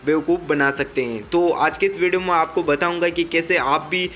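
Higher-pitched Indian man giving a tutorial. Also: fairly quick, fairly bright tone, soft background music. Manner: repetitive, instructional, addresses viewers directly. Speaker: tech tutorial host. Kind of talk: casual step-by-step phone tutorial voice-over.

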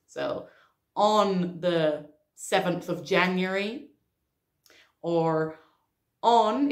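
A woman teaching grammar in an online lesson, explaining clearly with a dry sense of humor. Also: mid-range voice. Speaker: English teacher. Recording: echoey room.

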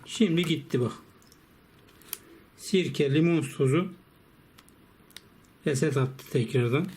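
A man's voice: a little high, slow, a little mellow, a little hiss or hum. A man hosting a repair vlog in casual chat, exasperated and grumbling as he talks to himself and his viewers. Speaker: repair video host. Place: home repair workshop.

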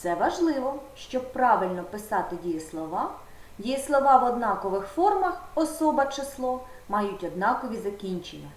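A woman's voice: fairly high pitch, sing-song, normal speed. Patient teacher woman, roomy sound. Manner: patient, guiding, talks directly to the pupil. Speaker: primary school teacher. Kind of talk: video lesson for children. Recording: roomy echo with faint background noise.

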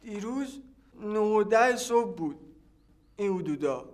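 Jumpy evasive guy, high voice, stumbles and backtracks. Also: animated, darkish tone. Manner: hesitant, stammering, backtracking. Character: evasive man questioned about opium.

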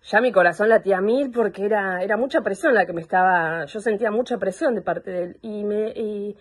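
Husky young Argentine woman testifying. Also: medium pitch. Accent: Argentine Spanish. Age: young adult. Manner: halting, searching for words. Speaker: complainant in a psychological assessment. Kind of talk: personal testimony. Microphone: video call.

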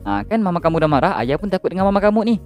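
A young man with a high, light voice hosts a casual game role-play as a fussing father. He talks in a lively, joking, bossy way, with faint game music behind. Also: rapid-fire.

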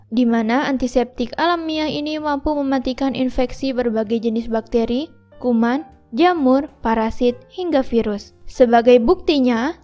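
High-pitched woman reading an ad. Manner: even, upbeat sales voice-over, numbers read slowly. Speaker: ad narrator. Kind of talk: scripted product ad read.

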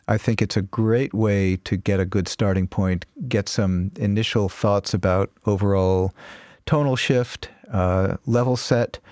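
A man who is a mastering engineer, giving measured technical explanations as an interview guest. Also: fairly low pitch, a little mellow, no echo, clean studio sound.

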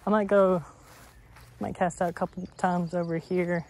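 High in pitch yet darkish in tone, his voice barely moves in pitch and keeps a moderate pace. He vlogs while fishing a pond, chatting in an offhand, rambling manner and correcting himself, all picked up by a chest-mounted outdoor camera.

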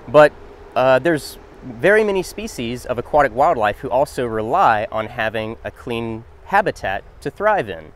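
A young man, a water quality specialist, explaining outdoors while standing in a stream, informative with frequent fillers. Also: mid-range voice. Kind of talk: on-site educational explanation.

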